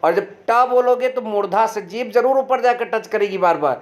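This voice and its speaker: Male tutor with a high voice, patient and step by step, asks and answers his own questions. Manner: sounds out letters slowly and clearly. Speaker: teacher. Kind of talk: online grammar lesson.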